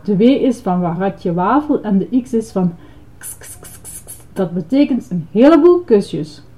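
A woman's voice: medium pitch, animated, moderate pace, warm tone, close to an everyday voice, rough recording. Grover, a woman doing a proud chanting ice cream monster. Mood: flustered. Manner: proud, chanting, eager to please. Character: cheerful blue male monster ice cream seller.

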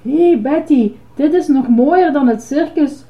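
A woman acting out an excited little boy in a storybook. He is curious and keeps insisting on what he wants. The voice sits high and the sound is dull and lo-fi. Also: a little slow.

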